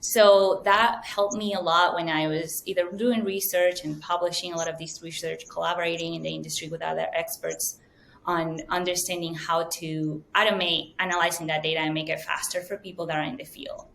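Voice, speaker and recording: Woman guest, low pitch, earnest interview tone, faint background rumble. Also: steady tone, fairly quick, vocal fry, fairly bright tone. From Venezuela. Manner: fluent, earnest, many ums. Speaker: guest, data science manager. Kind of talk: interview answers.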